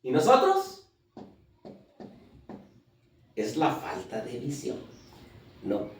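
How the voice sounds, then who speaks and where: A preacher delivering a sermon, asking the congregation questions and counting off points. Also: male voice, medium pitch, wildly swooping pitch, very slow, recorded from a distance. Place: church. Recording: echoey church heard from afar.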